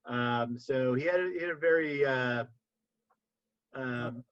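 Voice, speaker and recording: A man's voice: medium pitch, takes it slowly, fairly bright tone. Rambling male podcast host, dull audio. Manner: rambling, many fillers and restarts. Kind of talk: casual movie rewatch podcast chat.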